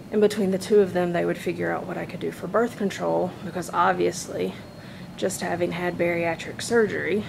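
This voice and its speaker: A woman with a lowish, gravelly voice chats informally to the camera as she walks laps, recording on her phone against a noisy background. She's a vlogger doing casual personal vlog talk and sounds slightly tired.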